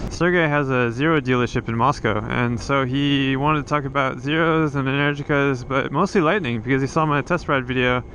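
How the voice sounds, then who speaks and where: A man's voice: medium pitch, a little fast, hardly any pauses, fairly bright tone, a little hiss or hum, rough recording. A man talking casually while riding a motorcycle, rambling with lots of restarts and fillers, recorded on a helmet camera. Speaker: motovlogger. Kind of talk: casual riding vlog monologue. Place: riding a motorcycle outdoors on a coastal road.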